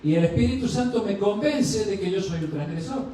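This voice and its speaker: Man, pastor, sermon, asks the congregation questions, acts out dialogues, mellow tone, echoey church, distant mic. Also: high-pitched, expressive, fairly quick, slight background noise. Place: church sanctuary.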